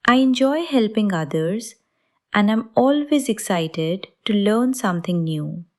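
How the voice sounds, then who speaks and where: Woman playing a calm young woman introducing herself. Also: medium pitch, measured pace.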